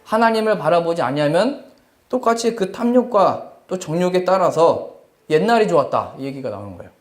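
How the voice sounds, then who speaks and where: Korean guy preaching a sermon, a bit high voiced, plays out the quotes he reads. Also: animated, brisk. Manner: earnest, quotes scripture and people in acted asides. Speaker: pastor.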